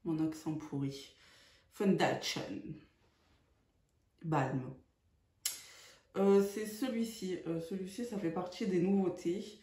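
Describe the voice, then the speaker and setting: A woman's voice: lowish voice, moderate pace, few pauses, mellow. A woman chatting through a makeup tutorial, hesitant and full of fillers. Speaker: beauty vlogger. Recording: echoey room.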